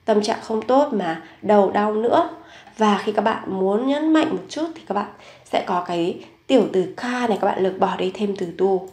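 A woman teaching a grammar lesson, explaining example sentences slowly and carefully and reading model sentences aloud more quickly. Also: medium pitch, expressive, a little mellow, echoey room. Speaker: Korean language teacher.

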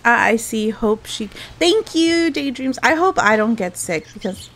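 A woman in her thirties chats her way through a game stream in a slightly high voice. She talks slowly, wandering between thoughts and breaking off mid-sentence to start again. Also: expressive, slight background noise. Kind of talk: casual gameplay chat.

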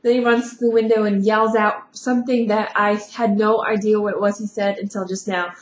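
A woman's voice: mid-range voice, little pitch movement, a little fast, echoey room, dull audio, slight background noise. A woman casually retelling movie scenes with offhand, sarcastic asides. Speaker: vlogger.

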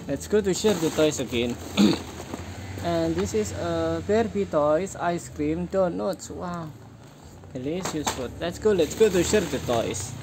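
A woman's voice: fairly low pitch, lively intonation, slow pace. A woman filming a toy show-and-tell vlog, exclaiming "wow" as she names each toy in short bursts. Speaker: toy unboxing vlogger. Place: indoors on a tiled floor. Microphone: phone camera held over toys. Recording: noisy phone recording.

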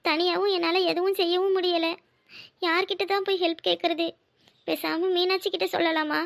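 A woman's voice: very high voice, level tone, normal speed, creaky. A woman voicing an anxious young woman about to be married, who talks in a hesitant, fretful way. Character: anxious young bride-to-be, worried and fearful. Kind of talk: cartoon voice acting.

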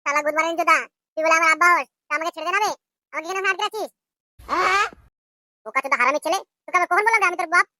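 A voice actor playing a foul-mouthed cartoon street tough in an animated comedy, hurling insults and threats. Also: very high voice, dry recording, full character voice. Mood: scolding. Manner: abusive, shouting, quick insults. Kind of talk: cartoon voice acting.

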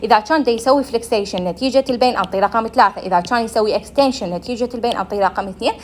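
A woman's voice: fairly high pitch, racing, slight background noise. A young woman with an Iraqi Arabic accent giving a medical lecture, explaining step by step and answering her own questions.

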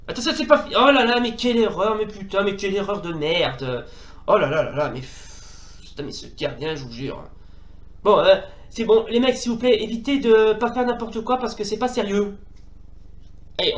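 A man from France giving casual gameplay commentary, switching into excitable mock sports-caster calls and swearing at his goalkeeper. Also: very high-pitched, roomy sound. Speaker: retro gaming YouTuber.

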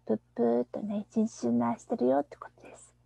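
A woman teaching a children's English song, explaining softly, often in a near-whisper, and reading the lyrics slowly and deliberately. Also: fairly high pitch, little pitch movement, creaky, dry recording. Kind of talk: screen-shared lesson on a children's song.

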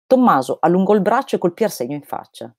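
Warm-toned woman teacher reading aloud. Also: fairly low pitch, no echo, clean studio sound. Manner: steady, measured reading with hesitation fillers. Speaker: Russian literature teacher. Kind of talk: lecturing and reading a novel aloud. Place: home over a livestream.

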